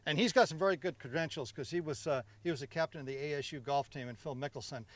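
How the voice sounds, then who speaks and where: A man's voice: on the high side, fast talker. A man hosting a product infomercial, talking up what he sells. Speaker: infomercial host.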